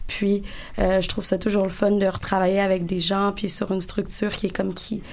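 A woman's voice: medium pitch, flat delivery, normal speed, gravelly. A woman with a Quebec French accent chatting casually as an interview guest about her work. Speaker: interview guest, stage artist. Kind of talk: casual chat.

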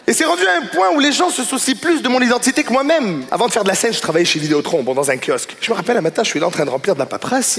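Brief: stand-up man, animated and self-deprecating, high pitch, noisy live club sound. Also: gravelly. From Quebec, Canada. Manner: self-mocking, animated storyteller. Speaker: stand-up comedian. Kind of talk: stand-up comedy routine.

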